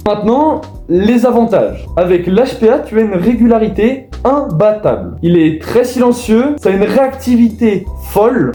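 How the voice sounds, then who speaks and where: A man's voice: sits high, mellow. A man explaining things to viewers in a casual voice-over. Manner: casual, addresses viewers directly. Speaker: video host. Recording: echoey room with faint music.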